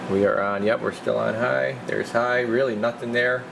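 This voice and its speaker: A man with a creaky, mid-range voice speaks at a moderate pace as he demonstrates his radio repair work at the bench. He talks himself through each step informally in a casual, hands-on way. The recording, made in a workshop, is noisy with a loud steady hiss.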